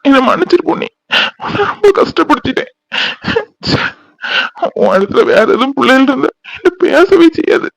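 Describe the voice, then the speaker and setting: Man voicing a fretful young cartoon husband, high voice. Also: no room sound, lightly acted, poor audio. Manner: fretful, pleading. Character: young worried husband, soft-hearted and remorseful.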